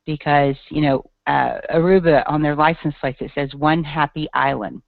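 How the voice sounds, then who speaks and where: A woman's voice: sits low, fairly even intonation, moderate pace, vocal fry, no echo. A woman with a Tennessee Southern accent, presenting earnestly and chattily on an online call, with many ums. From Tennessee, USA. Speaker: guest speaker. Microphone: video call. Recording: tinny dry call audio.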